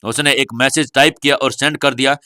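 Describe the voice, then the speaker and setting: Man reading an audio novel, steady storytelling, bright voice, super dry close sound. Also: mid-range voice, brisk, no room sound. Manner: steady storytelling, voicing every character. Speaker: narrator. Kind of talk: scripted audio-novel narration.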